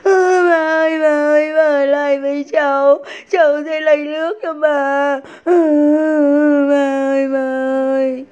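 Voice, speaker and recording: A woman's voice: sits high, level tone, slow, few pauses, a little mellow, highs cut off, voice pushed up. A woman voicing a small boy who cries and calls for his grandmother in a children's story. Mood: sobbing. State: crying.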